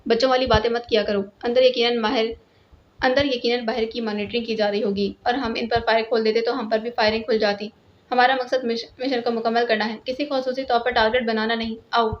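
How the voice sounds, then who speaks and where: A woman's voice: fairly high pitch, steady tone, lightly acted. A woman voicing a stern male spy leader who barks curt orders, in a storybook reading. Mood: commanding. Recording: lo-fi, dull sound.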